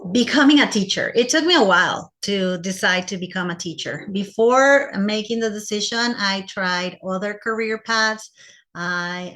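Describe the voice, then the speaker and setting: A Costa Rican teacher gives a personal presentation to fellow teachers in English, her Costa Rican Spanish accent clear. Her voice is mid-range with a fairly bright tone.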